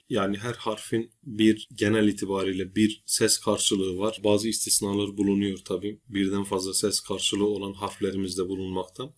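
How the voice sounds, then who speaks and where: A male teacher giving a recorded grammar lesson, patiently explaining and slowly repeating example words. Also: on the low side. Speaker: language teacher.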